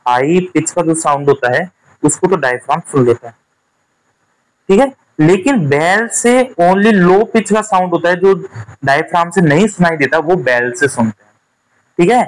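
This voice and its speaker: A man teaching a nursing exam lesson, putting quick questions to his students and checking that they follow. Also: high voice, poor audio. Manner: repeats points as quick quiz questions to students; keeps checking with "theek hai" and "clear hua". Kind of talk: classroom-style lecture.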